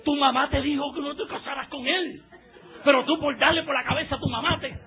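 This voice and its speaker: High voiced pastor guy preaching hard and teasing the crowd, muffled church recording, faint congregation behind. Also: brisk. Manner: fiery, mocking preaching that rises to shouts. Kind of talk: sermon. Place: church service.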